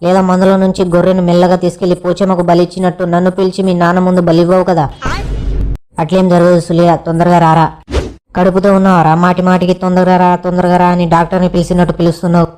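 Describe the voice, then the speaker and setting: A man's voice: sits high, monotone, fast talker, a little mellow, slight background noise. A young man trading cheeky, crude banter in a village comedy skit.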